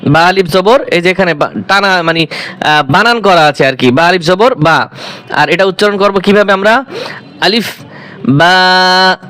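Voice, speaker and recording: A man's voice: high voice, expressive, moderate pace, fairly bright tone, dry recording. A male Quran teacher giving a step-by-step recitation lesson, patiently asking the class questions, answering them himself and repeating each letter aloud several times.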